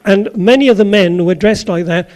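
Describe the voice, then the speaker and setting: This older man from Suffolk, England, has a high-pitched, slightly mellow voice and a Suffolk English accent, speaking at normal speed. Giving an anecdotal sermon to a live audience, he's chatty, quizzes his listeners, and slips in jokey remarks.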